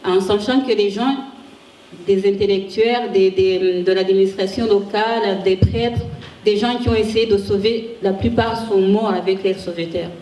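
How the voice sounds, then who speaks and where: A woman giving an academic conference talk with slides, halting and restarting as she searches for words. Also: mid-range voice, steady tone, warm tone. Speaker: conference speaker, ethics researcher. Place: conference room. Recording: echoey room, distant mic, faint hiss.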